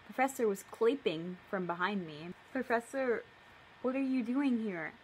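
Sitting indoors in her living room, a young video creator reads her own story to the camera in a casual way, breaking off now and then with mock-indignant, playful remarks. Her voice runs on the high side, expressive and a little slow, with a darkish tone over slight background noise.

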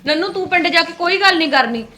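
A woman's voice: very high-pitched, animated, fast, pushed and bright, exaggerated voice. A woman playing a stern elder sister-in-law in a family short film, lecturing and scolding the younger wife. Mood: chiding.

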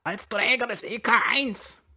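A man voicing a loud, grumpy male ex-soldier at a pub table who barks and rasps. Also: extremely high pitch, unhurried, pitched above the performer's own voice, exaggerated voice. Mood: rasping. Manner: barking, rasping shouts.

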